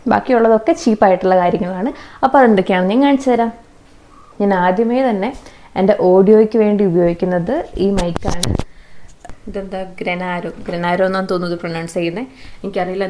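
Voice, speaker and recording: Chatty young Malayali woman, mellow voice. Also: mid-range voice. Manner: chatty, explains step by step, tags sentences with "kettō". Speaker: YouTuber. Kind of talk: casual product review vlog. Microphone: phone camera, plug-in mic at times.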